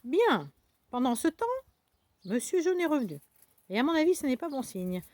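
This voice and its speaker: A woman voicing a wry, teasing story narrator who speaks in hushed, sly asides. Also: high-pitched, very animated, moderate pace, a little hiss or hum.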